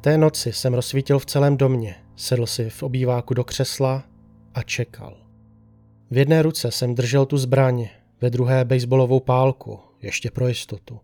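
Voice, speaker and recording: A man reading a first-person horror story aloud in a slow, hushed, suspenseful way. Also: mid-range voice, fairly even intonation, dry recording. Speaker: narrator. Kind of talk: scripted horror story narration.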